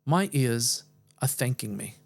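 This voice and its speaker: A man's voice: medium pitch, lively intonation, slow, gravelly. A man narrating a scripted product review as the reviewer, with a wry, playfully exaggerated way of talking.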